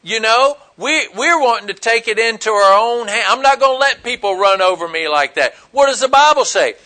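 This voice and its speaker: A man preaching a folksy, emphatic sermon, swinging between loud outbursts and quiet asides. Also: high-pitched, lively intonation, moderate pace.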